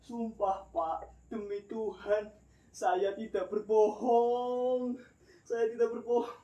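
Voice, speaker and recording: A man's voice: high voice, flat delivery, slow, warm tone, far from the mic, dull audio. A man playing a whimpering thief begging for mercy. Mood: pleading. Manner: pleading, whimpering. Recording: roomy echo with faint music.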